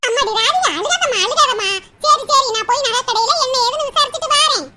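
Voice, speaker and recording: A woman's voice: extremely high pitch, fast. A woman voicing a scheming older mother-in-law in a cartoon, with a scolding, gossipy manner. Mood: coaxing. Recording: loud hiss under voice.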